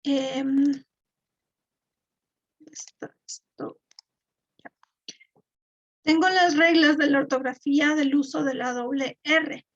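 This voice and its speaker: A woman's voice: high voice, steady tone, slow, long pauses. A woman, teaching a live online class and explaining step by step with fillers and repeated words. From Ecuador. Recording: dull lo-fi.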